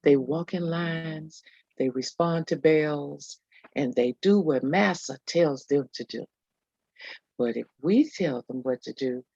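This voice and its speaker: Slow, gravelly-voiced woman podcast host. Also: sits low, a little mellow, no room sound, highs cut off. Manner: emphatic, addresses listeners as y'all. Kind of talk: casual podcast talk.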